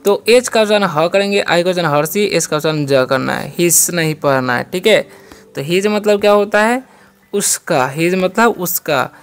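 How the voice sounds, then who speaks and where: Teacher running a beginner lesson, spells words out letter by letter, keeps asking and answering the same question, goes slow on the example lines. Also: medium pitch. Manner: quizzes listeners with repeated questions and answers; says the example sentences slowly and carefully. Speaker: English teacher.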